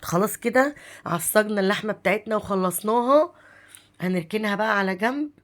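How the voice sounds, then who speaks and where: A woman in her thirties with an Egyptian Arabic accent, hoarse from a cold, chatting warmly to viewers as she walks through a home recipe. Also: mid-range voice, quick pace. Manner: chatty, affectionate, addresses viewers as sister. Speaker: home cooking vlogger. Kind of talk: casual cooking narration.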